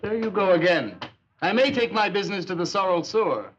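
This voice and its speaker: An actor playing a pompous, sardonic beatnik poet, grandiloquent and withering, in 1950s film style. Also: male voice, high voice, sing-song, fairly quick. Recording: dull, faintly noisy 1950s film soundtrack.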